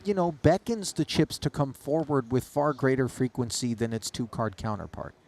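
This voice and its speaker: A man's voice: mid-range voice, moderate pace, a little mellow. A man giving play-by-play poker commentary with wordy, ornate phrasing.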